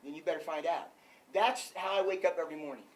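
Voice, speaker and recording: A man's voice: a little high, quick pace, recorded from a distance, low-quality recording. An older man, a wrestling coach, giving an emphatic clinic talk full of rhetorical questions.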